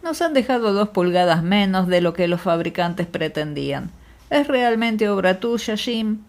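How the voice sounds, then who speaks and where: Carrados, detective ciego tranquilo leído por una mujer. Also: female voice, medium pitch, lively intonation, measured pace, a little mellow. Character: blind gentleman detective, calm and dry.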